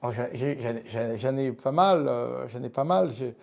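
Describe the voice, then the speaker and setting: Gravelly man with a southern French accent. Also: medium pitch, moderate pace, a little mellow. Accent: southern French (Midi). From France, Lozère. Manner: frank, hesitant, many fillers and restarts. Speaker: guest, business leader. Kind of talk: casual interview talk.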